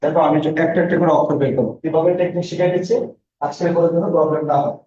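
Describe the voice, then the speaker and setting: A man's voice: fairly high pitch, steady tone, racing, mellow. A man teaching a Bangla lesson, calling out student names and drilling them with repeated questions. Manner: reads out student names and answers. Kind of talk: online class lecture. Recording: echoey, distant, dull lo-fi.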